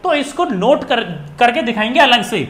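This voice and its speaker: A man from India teaching a physics lesson, repeating key phrases and dictating definitions slowly word by word. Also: very high-pitched, lively intonation, a bit bright. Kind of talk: classroom physics lesson in Hindi and English. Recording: echoey room.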